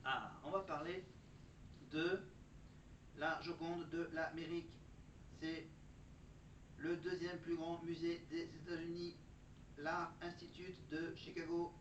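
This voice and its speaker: A mechanical chatbot robot voice, put on by a man, reading facts in a dead-level tone with almost no rise or fall. His pitch sits a bit high for a man. The sound comes from a distance in an echoey space, dull and lo-fi with clear noise behind it. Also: flat delivery, slow pace, pauses often. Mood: monotone. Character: flat monotone chatbot robot voice. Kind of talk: factual segment delivered as a robot.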